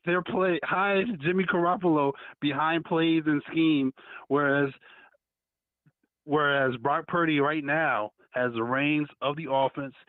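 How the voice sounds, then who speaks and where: A man's voice: fairly high pitch, dry recording. Man arguing over a muffled phone line. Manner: argumentative, repeats his points. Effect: heard over a phone line. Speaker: caller. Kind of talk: casual sports debate. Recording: dull, dry lo-fi phone call.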